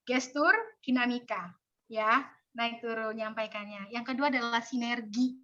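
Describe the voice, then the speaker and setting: A woman giving an animated communication workshop over an online call. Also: on the high side, unhurried, muffled recording. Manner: animated, demonstrates speaking styles, mixes in Javanese phrases. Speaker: webinar speaker on communication. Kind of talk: lively workshop talk.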